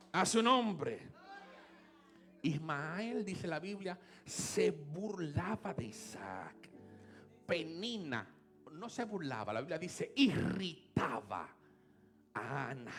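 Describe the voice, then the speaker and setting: A Dominican man preaching a sermon, moving between hushed talk and loud shouted praise. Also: on the high side. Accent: Dominican Spanish. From Dominican Republic. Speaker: pastor.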